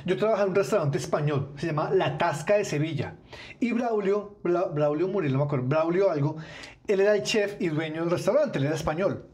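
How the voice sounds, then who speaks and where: A man's voice: high voice, brisk, a little mellow. A man hosting an interview in Spanish, chatting eagerly and sharing his own stories. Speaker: interview host. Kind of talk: casual interview chat.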